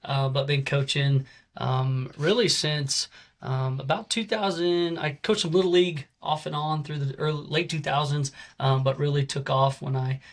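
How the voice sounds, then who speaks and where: A man in his forties speaks in a somewhat high voice. He talks casually and loosely as a head coach, with lots of ums and restarts. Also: level tone, moderate pace. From American Southwest. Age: 40s. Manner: rambling, many fillers and restarts. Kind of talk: casual interview talk.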